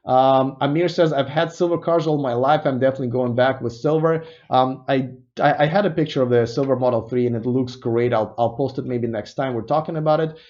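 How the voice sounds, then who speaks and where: A man's voice: medium pitch, brisk, a little mellow, muffled recording. A man from Russia hosting an electric car news stream, casually reading viewer comments and thinking aloud with restarts and musing asides.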